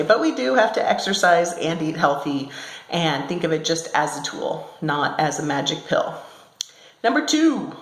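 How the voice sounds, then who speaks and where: A woman chatting casually to her viewers from a small room at her workplace, with an echoey room sound and many ums and self-corrections. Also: deep voice. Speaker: vlogger. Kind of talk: casual talk to camera.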